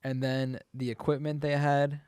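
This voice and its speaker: A man's voice: medium pitch, flat delivery, normal speed, darkish tone, smooth, no echo, clean studio sound. A man co-hosting a podcast, telling a story in casual chat with lots of filler words. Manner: rambling storytelling with many fillers. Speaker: podcast co-host.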